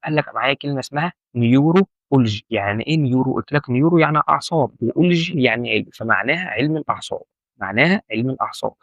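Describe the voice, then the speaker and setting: A man's voice: medium pitch, expressive, quick pace, no room sound, muffled recording. A man with an Egyptian Arabic accent teaching an informal lesson, repeating key points and asking the listener questions. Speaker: medical terminology instructor.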